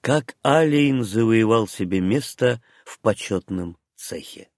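A man narrating an audiobook chapter in a measured, even reading. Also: fairly low pitch, no room sound, clean studio sound. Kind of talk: scripted narration.

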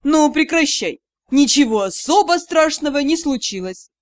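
Audiobook: woman doing a sarcastic teasing noble mage guy, lowered voice, dry close sound. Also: lively intonation, moderate pace, no room sound. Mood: coaxing. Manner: sarcastic, drawling. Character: mocking aristocratic male mage, sarcastic, teasing.

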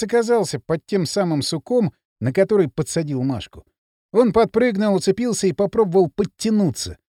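A man narrating an audiobook with an expressive, dramatic reading. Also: high-pitched, dry recording, clean studio sound. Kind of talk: scripted narration.

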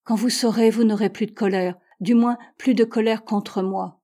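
A woman's voice: a little high, fairly even intonation, normal speed, warm tone. A woman voicing an exhausted, contrite elderly male professor in a French audiobook reading, in a weary, pleading manner.

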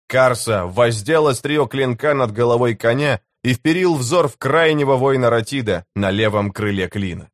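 A man's voice: medium pitch, no room sound, clean studio sound. Man reading a fantasy audiobook. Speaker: narrator.

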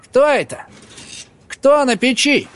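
Мужчина играет грубого вспыльчивого молодого вора. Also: male voice, very high-pitched, big pitch swings, takes it slowly, fairly bright tone, pitched above the performer's own voice, heavily acted. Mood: rough. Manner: rough, abrupt. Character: rough hot-tempered young male thief.

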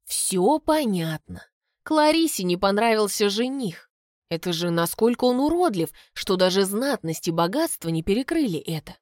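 Woman audiobook narrator, expressive first-person storytelling, lively intonation, dry close sound. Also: mid-range voice, normal speed, no echo.

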